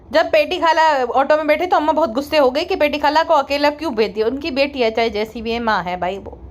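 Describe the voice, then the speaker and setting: A woman giving sarcastic, mocking roast commentary and scolding the people she talks about. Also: sits high. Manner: mocking, scolding, rapid-fire. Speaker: roast vlogger.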